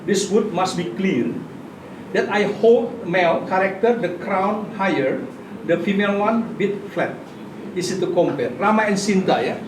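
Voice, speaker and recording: Demonstrating puppet-making in a relaxed way, a high-voiced Indonesian-accented man speaks in halting, simple little phrases. Echo fills the space, the mic sits far off, and background noise is plainly audible.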